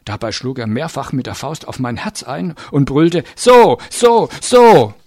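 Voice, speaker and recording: A man voicing a small, desperate runaway boy who shouts shrilly in an audiobook reading. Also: moderate pace, vocal fry, husky, dry recording. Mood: furious. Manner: shrill, shouting, then whispering.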